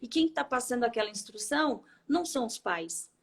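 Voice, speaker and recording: A woman's voice: on the high side, lively intonation, a little fast, vocal fry. A woman with a Brazilian Portuguese accent, co-hosting a casual chat and explaining parenting tips, often adding tag questions. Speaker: co-host giving parenting tips.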